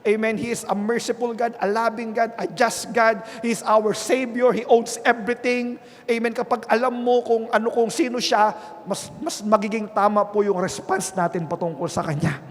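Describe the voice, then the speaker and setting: A man with a Filipino accent preaching a bilingual Sunday sermon on a handheld mic, asking "Amen?" after nearly every phrase and moving from quiet earnest talk to loud, emphatic preaching. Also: very high voice. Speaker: pastor. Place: church sanctuary. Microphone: handheld microphone. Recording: long hall reverb in a church.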